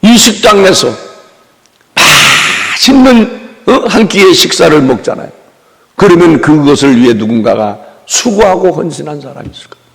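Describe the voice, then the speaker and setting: In a church sanctuary with long, echoing reverb, a Korean-accented pastor delivers a revival sermon, asking for amens and mimicking the people he talks about. His voice is a little high, creaky and expressive, and he speaks a little fast.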